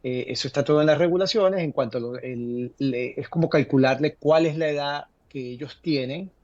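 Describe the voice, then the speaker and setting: A man's voice: fairly high pitch, a little mellow, no echo. Guy giving legal answers live, lots of ums and restarts, dry muffled sound. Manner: halting, many fillers and restarts. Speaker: legal guest answering viewer questions. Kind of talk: live call-in advice segment.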